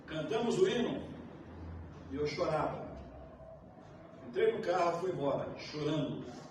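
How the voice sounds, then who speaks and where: High-voiced pastor preaching in an echoey church. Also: male voice. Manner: emotional preaching, rising to shouts, with rhetorical questions to the congregation. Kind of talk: sermon. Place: church sanctuary. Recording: very echoey room, mic far off, faint hiss.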